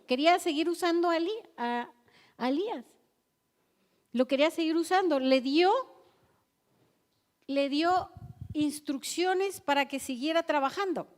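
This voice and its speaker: A woman preacher, telling stories and asking the congregation questions in an animated sermon. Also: sits high. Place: church hall. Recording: long hall reverb.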